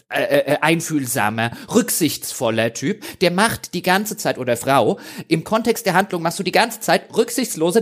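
A man, co-hosting a podcast in a casual discussion, talking in an argumentative and blunt way. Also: fairly high pitch.

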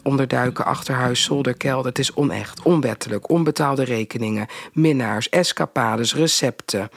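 Gravelly man reciting spoken word. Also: normal speed, no room sound. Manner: low, intense recitation with hushed whispers.

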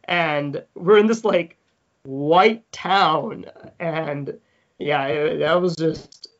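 A man in his thirties, originally from South Africa, tells casual stories as a podcast guest, laughing often and imitating the people he quotes. His voice is on the high side and a bit bright, and he speaks very slowly; the audio sounds dull.

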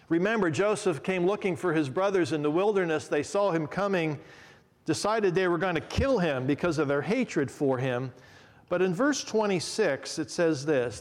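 A man's voice: on the high side, long reverb tail. A male pastor giving an earnest sermon and explaining scripture verse by verse.

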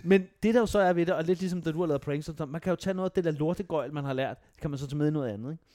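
A young man from Denmark telling stories in a casual chat, animated, swearing and mocking himself. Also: on the high side, dry recording, studio quality. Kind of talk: casual podcast storytelling.

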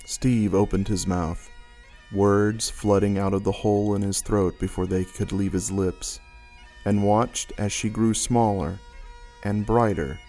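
A man narrating a dark fantasy story with slow, dramatic delivery. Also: fairly low pitch.

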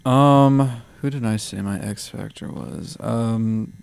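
A man's voice: mid-range voice, slow, vocal fry, a little mellow, clear, resonant tone, no room sound. A young man co-hosting a sports radio show, answering in curt, grumpy retorts. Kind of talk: casual sports banter.

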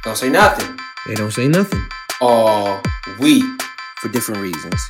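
A young man talking in a slow, reflective, slangy way. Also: on the low side, sing-song. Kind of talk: casual musing chat. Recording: loud music behind.

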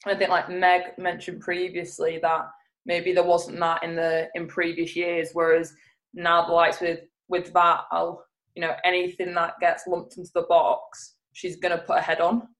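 A woman footballer, a podcast guest, answering in a steady, earnest way. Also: fairly low pitch, moderate pace, rough recording. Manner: steady, earnest, with fillers and restarts. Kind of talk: casual podcast chat.

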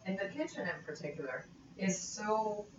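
A woman's voice: medium pitch, lively intonation, moderate pace. A woman from Italy, a guest in a casual conversation, talking thoughtfully and often trailing off mid-sentence. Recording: distant mic in echoey room, dull and noisy.

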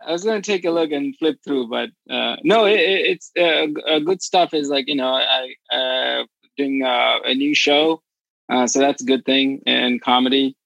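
A man's voice: medium pitch, creaky, a bit bright, dry recording. Forty-ish guy from bangladesh, lots of ums and uhs, muffled dead-dry audio. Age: 40s. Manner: hesitant, halting with many fillers. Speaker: comedian guest. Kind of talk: casual chat.

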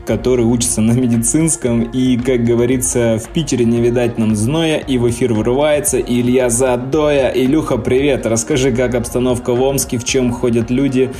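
A man's voice: medium pitch, fairly even intonation, moderate pace, hardly any pauses, warm tone. A man presenting a radio show in a playful, jokey, chatty way over music. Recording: music playing under the voice. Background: background music.

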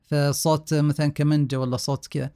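Gravelly-voiced man explaining, hesitant. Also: fairly high pitch, flat delivery, fairly quick, warm tone. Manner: hesitant, many restarts, explanatory. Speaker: sound engineer guest. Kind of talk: casual podcast interview.

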